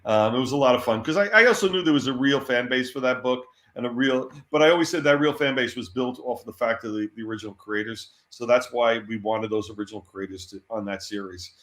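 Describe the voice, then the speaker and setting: A middle-aged man, a former comics editor, tells lively stories as an interview guest. He laughs often and repeats words when excited. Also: mid-range voice, fast, few pauses. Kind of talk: casual anecdotal storytelling. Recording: roomy echo.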